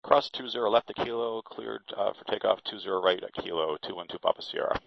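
A man's voice: fairly low pitch, fast talker, vocal fry, dry recording. A man speaking as a pilot over the aircraft radio, hesitating with filler sounds between radio calls. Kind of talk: radio phraseology. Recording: dull lo-fi radio transmission.

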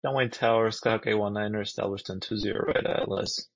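Gravelly pilot over the radio. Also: male voice, on the low side, steady tone, fast, no room sound, muffled recording. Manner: terse, clipped readbacks. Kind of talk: aviation radio calls. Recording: band-limited radio transmission.

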